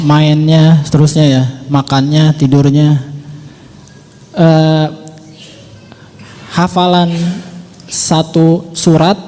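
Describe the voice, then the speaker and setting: High, mellow-voiced man in a reverberant hall. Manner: patient, repeats points, many 'ya' fillers. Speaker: father sharing how he taught his son. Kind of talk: relaxed advice talk.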